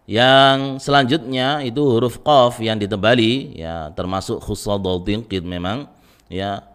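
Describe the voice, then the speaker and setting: An Indonesian man teaching Quran recitation rules in a recorded lesson, patiently drilling syllables, tagging phrases with a soft "ya" and chanting example verses. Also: fairly low pitch.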